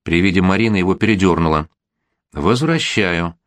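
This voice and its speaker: Low-voiced guy reading a story out loud, steady, super dry sound. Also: normal speed, no echo. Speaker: narrator. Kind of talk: audiobook narration.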